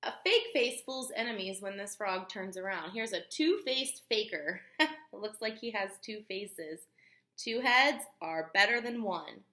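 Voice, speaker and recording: A mid-range female voice reads a children's story aloud with a teacher's manner, full of expression and emphasis. Along the way she stops to explain and to ask the little ones questions. Reverberant room sound fills the recording.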